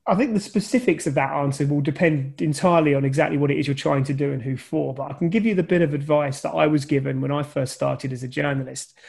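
A man with a fairly high voice talks through his answers over a video call. He is a journalism lecturer who sounds reflective and circles back to rephrase his points. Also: vocal fry, darkish tone, breathy edge. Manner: thoughtful, many restarts and fillers. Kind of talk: conversational interview answers.

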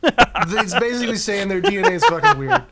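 A man's voice: extremely high pitch, wildly swooping pitch, fairly quick, over loud music. A man hosting a casual podcast, reading a post aloud with sarcastic asides and frequent laughter.

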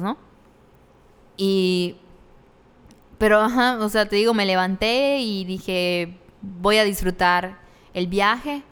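A woman's voice: medium pitch, clean tone, big-room sound. A woman with a Mexican accent chatting casually, telling a candid personal story with slang. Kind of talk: casual chat.

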